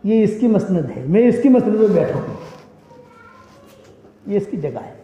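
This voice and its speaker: A man's voice: sits high, big pitch swings. A man from India delivering a sermon as a preacher, telling stories with emphatic, repeated phrases. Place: large hall at a women's religious school. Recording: echoey lo-fi hall recording.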